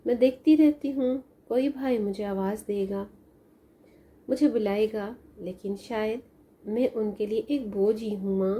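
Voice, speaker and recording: A woman voicing a sad, lonely young woman who pleads softly as she grieves for her mother in a storybook tale. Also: mid-range voice, unhurried, close to an everyday voice. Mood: sorrowful. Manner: plaintive, pleading.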